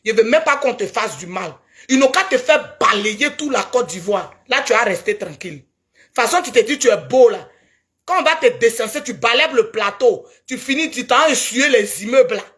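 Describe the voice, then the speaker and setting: A woman's voice: fairly high pitch, expressive, moderate pace, a bit bright. A woman with an Ivorian French accent delivering a heated, preachy video rant and scolding someone emphatically. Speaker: social media commentator.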